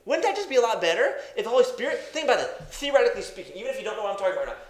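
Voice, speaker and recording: Male preacher, high and very expressive voice, conversational sermon full of rhetorical questions, roomy echo. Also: very fast.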